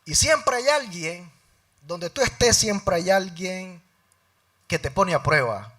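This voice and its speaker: A man's voice: expressive, slow. Storytelling man preaching in church. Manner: storytelling, acting out both sides of dialogues; swings between loud emphasis and soft, low asides. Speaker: lay preacher. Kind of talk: sermon with personal anecdote.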